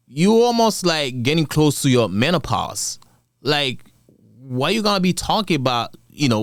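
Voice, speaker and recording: A man's voice: mid-range voice, fairly bright tone, dry recording. A man hosting a drama channel, giving casual, blunt, slangy reaction commentary with repeated rhetorical questions.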